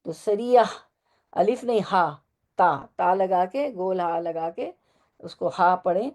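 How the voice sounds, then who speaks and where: A woman with a low, mellow voice teaches a Quran lesson to women. She explains Arabic words slowly and stops to ask her listeners questions. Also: lively intonation.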